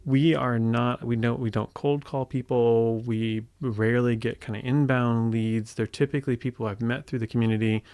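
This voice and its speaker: A man's voice: mid-range voice, normal speed, hardly any pauses, clean tone, dry recording. A man in his forties from Indiana, a tech company co-founder talking reflectively as an interview guest, often restarting his sentences. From Indiana, USA. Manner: relaxed, reflective, many restarts. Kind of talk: conversational interview.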